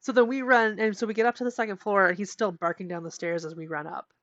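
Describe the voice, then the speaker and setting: A young adult woman co-hosting a podcast, telling a spooky personal story in a casual, animated way with lots of "like" and swearing. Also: medium pitch, fast talker, no room sound. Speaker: podcast co-host. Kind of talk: casual chat. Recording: dry, dull lo-fi podcast audio.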